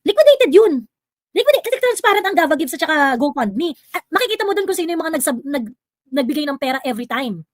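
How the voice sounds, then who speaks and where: A woman's voice: sits high, sing-song, quick pace, no room sound. A woman hosting a livestream, confronting a commenter with sarcastic, heated commentary and switching between Tagalog and English. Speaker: livestream vlogger host.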